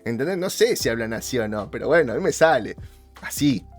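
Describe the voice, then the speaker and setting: Male YouTuber, Rioplatense Spanish accent, mid-pitched, casual persuasive monologue to viewers, faint music bed. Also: a little fast. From Argentina. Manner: talks straight to viewers, persuasive, pitch jumps up for emphasis. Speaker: YouTuber host.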